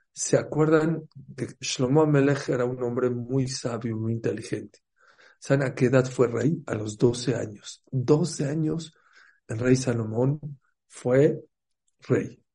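A religious teacher gives a talk in a warm, mid-range voice with a breathy edge. He tells stories, poses questions to his listeners and acts out the characters' voices.

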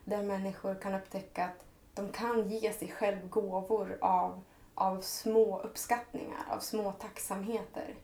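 A woman speaking as a podcast guest, earnest and heartfelt, letting her thoughts run on in long flowing sentences. Her voice sits at an ordinary middle pitch. The room around her rings with a noticeable echo. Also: darkish tone. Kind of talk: reflective personal conversation.

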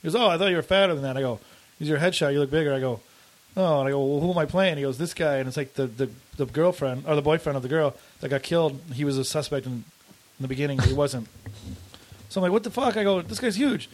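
Fast, whiny young man telling stories. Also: a little high. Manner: rambling, profane storytelling with many fillers. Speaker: comedian guest. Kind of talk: casual podcast chat.

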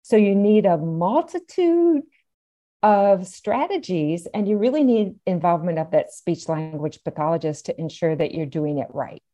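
A woman's voice: on the low side, lively intonation, moderate pace, warm tone. A middle-aged or older woman, explaining things as an interview guest and stressing key points emphatically. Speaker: podcast guest, aphasia advocate.

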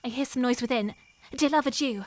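A woman performing a lovestruck, wary young noblewoman in a Shakespearean scene, her delivery moving between hushed and impassioned. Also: high-pitched, a little fast, dry recording, natural voice. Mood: longing. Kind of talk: Shakespearean stage acting.

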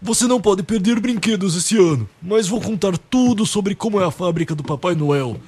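A man's voice: sits high, moderate pace, darkish tone, slightly rough. A man playing a jolly, earnest Santa Claus in an amateur radio drama, speaking formal, exclamatory Brazilian Portuguese. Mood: jovial, reassuring.

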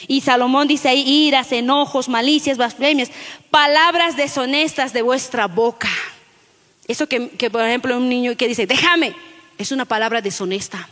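A woman pastor giving an animated sermon to her congregation, calling listeners "brother" and acting out children's lines. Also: high voice, moderate pace, long reverb tail. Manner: animated, acts out children's voices in quotes, addresses listeners as brother.

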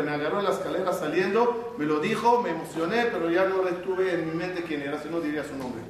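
A man's voice: high voice, fairly bright tone, slight background noise. A man teaching a religious class to a live audience as a rabbi, often questioning the listeners and then answering himself. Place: large hall with an audience. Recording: very echoey hall, mic far off.

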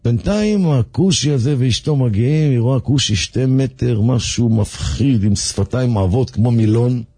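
A man telling a story on the radio in a lively, animated way, repeating words for effect. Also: medium pitch, husky, no echo.

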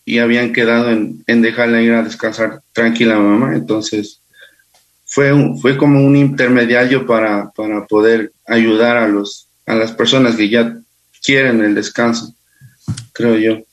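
Man, interview guest, personal story, unhurried, halting, medium pitch. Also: little pitch movement, highs cut off.

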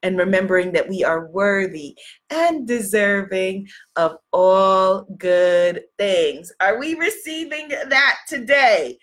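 Taking her time, a woman with a medium-pitched, fairly bright voice and lively intonation hosts a motivational livestream as a spiritual life coach. She has a cold and keeps sniffling, yet she's emphatic and encouraging, echoing affirmations and phrases for emphasis.

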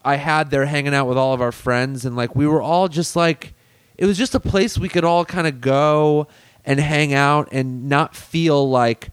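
A man's voice: fairly high pitch, steady tone, normal speed, clean tone, no echo. A man telling stories in a casual chat, rambling with lots of fillers and restarts. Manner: rambling, filler-heavy storytelling.

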